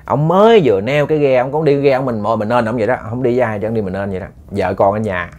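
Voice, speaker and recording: A man's voice: mid-range voice, very fast, darkish tone. A man with a Southern Vietnamese accent telling a ghost story to listeners, casual and chatty with many repeated words.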